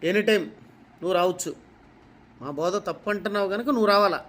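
A preacher from Kadapa speaks in a high voice with a Kadapa Telugu accent. He scolds a rival in a confrontational rebuttal, firing rhetorical questions and repeating his points. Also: brisk, fairly bright tone. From Kadapa, Andhra Pradesh.

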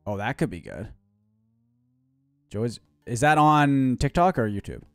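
Lively, blunt man chatting on stream. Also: mid-range voice, measured pace, clear, resonant tone, no echo, clean studio sound. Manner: blunt, swears often, lively. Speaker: co-host reacting to videos. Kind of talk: casual stream chat.

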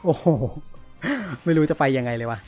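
A man giving casual gameplay commentary, excitable, often exclaiming and groaning. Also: medium pitch, normal speed. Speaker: gamer. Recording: dull lo-fi audio with game music. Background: game music.

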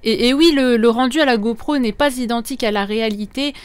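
High-voiced woman narrating a vlog. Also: fast talker. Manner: clear, storytelling recap. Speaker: motorcycle vlogger.

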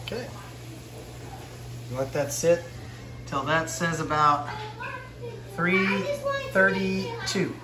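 A man in his forties, a fishing vlogger, talks casually as he cooks fish in his home kitchen, captured on a handheld phone. His pitch is fairly high, he draws out his words, and he pauses often in his relaxed narration.

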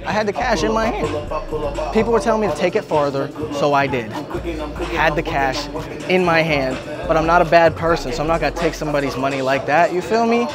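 A YouTuber in his twenties hosts a prank vlog inside an indoor sneaker convention hall, talking through a clip-on lapel mic over loud crowd noise and music. His voice is on the high side, expressive and brisk, and his chat is laid-back, slangy and full of swearing.

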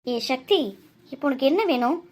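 A woman voicing a sharp-tongued, protective young woman in a cartoon who snaps at her cousins. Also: sits high, normal speed, lightly acted. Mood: irritated. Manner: snappy, scolding.

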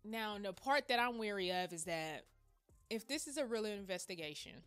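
A woman's voice: mid-range voice, animated, moderate pace, fairly bright tone, clean tone, soft background music. A woman hosting a casual gossip commentary vlog, blunt and exclamatory, talking straight to her viewers. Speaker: host of a gossip commentary channel.

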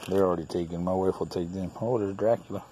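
This vlog host, a middle-aged toy collector who owns a store, talks fast in a low, dark, steady voice. He gives casual handheld show-and-tell commentary in brief, folksy, offhand phrases, filming outside in a backyard and a cluttered storage shed. The phone he holds behind the camera picks up plenty of outdoor noise.

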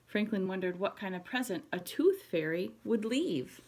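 A woman, a pre-K teacher, reading a picture book aloud to children, explaining the pictures gently. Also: mid-range voice, animated, normal speed.

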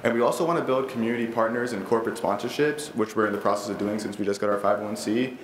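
A teenage boy with a lowish voice races through a presentation of his robotics team to a school board, standing at a lectern microphone in a large school library meeting room. Eager and earnest, he uses frequent fillers and restarts; the room echoes, with faint background noise.

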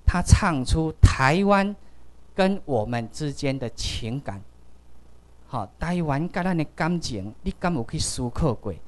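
A man with a Taiwanese accent telling a story at a seminar, acting out quoted dialogue in lively voices and switching into Taiwanese Hokkien. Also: a little high. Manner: animated, acts out quoted dialogue. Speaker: speaker at a seminar. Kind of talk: storytelling talk.

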